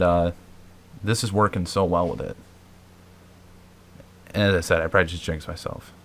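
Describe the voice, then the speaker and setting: The paranormal investigator host speaks here in a deep, somewhat bright voice. His casual explanations to viewers are full of fillers and restarts.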